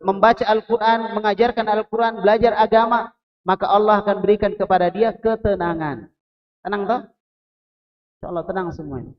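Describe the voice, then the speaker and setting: A man from Indonesia giving a lively mosque sermon, putting questions to the congregation and joking with them. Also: very high-pitched, lo-fi sound. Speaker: preacher.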